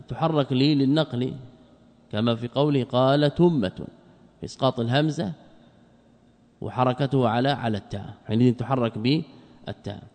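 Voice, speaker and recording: A male scholar giving a classical grammar lecture, asking rhetorical questions and answering them himself, and repeating key words slowly for emphasis. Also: mid-range voice, darkish tone. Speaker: Islamic scholar teaching grammar. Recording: long hall reverb.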